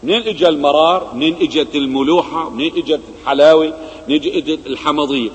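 Male preacher, raised pitch, questioning style, hall reverb. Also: fast. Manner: rhetorical questions, swings between loud emphasis and low quiet asides. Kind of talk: religious lesson.

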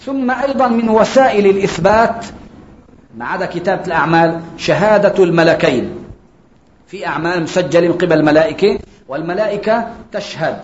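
A man preaching a sermon, explaining each point and slowing down for quotations. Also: high voice, slight background noise. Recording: echoey dull lo-fi recording.

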